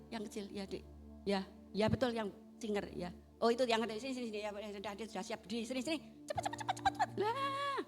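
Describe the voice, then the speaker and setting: A woman with a Javanese accent preaching a sermon, swinging between loud exhortation and hushed asides. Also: medium pitch. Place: church service.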